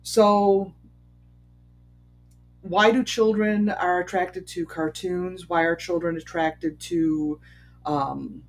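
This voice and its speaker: A commentator talks through the topic off the cuff at a middling pitch, posing one rhetorical question after another. Phrases often restart, with plenty of ums along the way. A faint hum sits under the voice. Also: steady tone, takes it slowly, pauses often. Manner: conversational, asks many rhetorical questions. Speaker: commentator on bias. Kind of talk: unscripted spoken commentary. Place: Chicago area.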